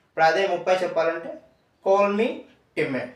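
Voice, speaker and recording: A man's voice: on the high side, lively intonation, normal speed, recorded from a distance. A man giving a patient step-by-step language lesson, repeating each word twice and quizzing the listener. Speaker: language teacher. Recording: echoey room, away from the mic.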